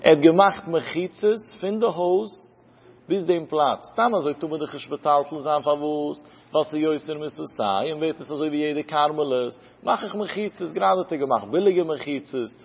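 A man with a slightly rough, somewhat high voice gives a Talmud lecture, explaining step by step and answering the questions he raises himself. The lo-fi recording carries a long hall reverb.

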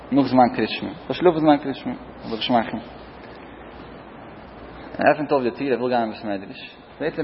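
A man preaching a sermon full of parables, building his points from short, repeated phrases that swell and then fall back. His voice sits in a middle register and carries a long reverb from a large hall. The recording is muffled, with a faint hiss of noise underneath. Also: medium pitch. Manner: short repeated phrases, rising and dropping in loudness.

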